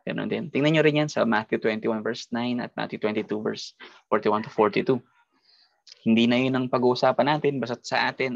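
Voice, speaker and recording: A man's voice: medium pitch, creaky, no room sound, dull audio. A man with a Filipino accent leading an online Bible study lesson, explaining step by step and often ending phrases with a tag question. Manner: explains with frequent tag questions and mixes English into Tagalog.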